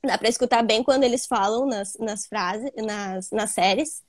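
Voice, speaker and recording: A woman's voice: fairly high pitch, a little slow, no room sound, clean studio sound. A woman student, chatting casually and a bit hesitantly, then speaking with conviction. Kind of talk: casual interview chat.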